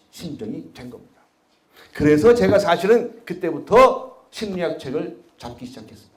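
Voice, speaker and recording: A middle-aged man gives a public lecture and tells stories, often stopping to ask his audience questions. His voice sits a little high for a man and moves between soft and loud. The sound is roomy, with the echo of a hall. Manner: storytelling, asks the audience questions, wide swings in loudness. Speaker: speaker giving a public policy lecture. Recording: echoey hall.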